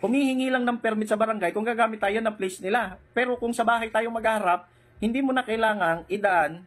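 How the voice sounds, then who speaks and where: A man's voice: high voice, fast talker, a bit bright. A man giving mocking, confrontational commentary while reading a rival's chat replies aloud, often repeating his jabs. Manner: taunting, confrontational, repeats himself. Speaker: online religious debate commentator.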